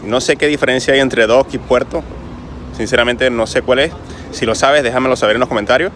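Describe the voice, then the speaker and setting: A man's voice: mid-range voice, brisk, fairly bright tone. Chatty Caribbean man vlogging outdoors. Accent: Caribbean Spanish. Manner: chatty, explanatory, addresses viewers directly. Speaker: travel vlogger. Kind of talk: casual travel vlog explanation. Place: outdoors on a city street. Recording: clear street noise behind voice. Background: traffic and street ambience.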